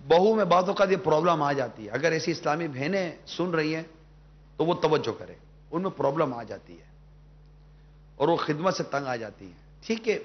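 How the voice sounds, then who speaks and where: A man's voice: a little high, lo-fi sound. A male preacher telling a moral story in a sermon, earnest and rising into emphatic appeals to his listeners.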